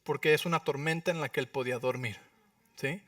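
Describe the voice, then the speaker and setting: Animated man preaching with a bright voice. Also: mid-range voice, fairly quick, no echo, distant mic. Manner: animated preaching, acting out prayers and dialogue with sudden loud outbursts; asks the congregation for agreement with frequent rhetorical questions. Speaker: pastor. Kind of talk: sermon. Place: church.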